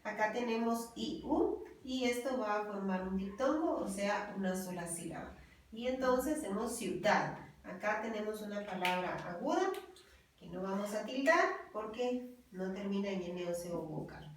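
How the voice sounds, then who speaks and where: A woman teaching a grammar lesson to students in a slow, patient way, stressing key words. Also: medium pitch, expressive, slight background noise. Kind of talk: classroom lesson explaining grammar rules. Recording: very echoey room, voice far from the mic.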